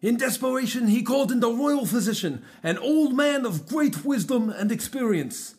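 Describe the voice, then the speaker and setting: A man telling a folktale to a live audience, playful and animated. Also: very high voice, normal speed. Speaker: storyteller.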